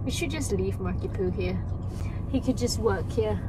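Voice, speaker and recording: A woman's voice: medium pitch, moderate pace, background noise. A woman in her thirties hosting a playful road-trip vlog from inside a car, filming on a phone held at arm's length. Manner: playful, bubbly, teasing. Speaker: vlogger host. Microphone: phone camera at arm's length.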